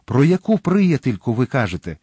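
A man's voice: medium pitch, big pitch swings, brisk, dark tone, slightly rough, no echo. A man voicing an ardent young swordsman in a storybook reading, with an urgent, exclaiming delivery.

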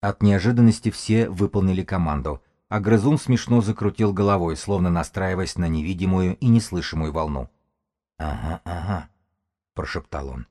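A man narrating an audiobook in a steady, even storytelling manner. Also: deep voice, fairly quick, hardly any pauses.

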